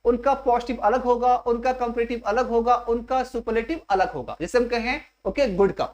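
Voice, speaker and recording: Higher-pitched woman quizzing an exam-prep class. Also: a little mellow. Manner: keeps quizzing the class with rhetorical questions; slow and repetitive, spelling out each step. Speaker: English teacher. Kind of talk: coaching class lecture.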